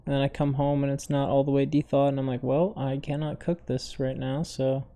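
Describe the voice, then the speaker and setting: A man's voice: medium pitch, level tone, a little fast, mellow. A young man co-hosting a podcast, telling stories in a laid-back, joking way full of fillers. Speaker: podcast co-host. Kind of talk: casual chat.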